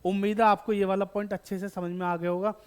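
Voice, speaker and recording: A man's voice: high voice, little pitch movement, fast, smooth. A man teaching an online accountancy lesson to school students, asking them questions and answering them himself, repeating key terms and addressing them as children. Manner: calls students beta, bachche, addresses viewers directly. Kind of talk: online exam-prep lesson.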